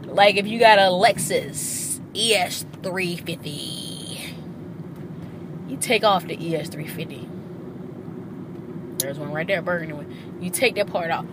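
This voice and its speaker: A woman's voice: fairly low pitch, unhurried, long pauses. A woman chatting casually and animatedly while driving in traffic, swearing freely, recorded in her car. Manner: chatty, profane, animated storytelling. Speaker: vlogger. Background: faint car and road noise.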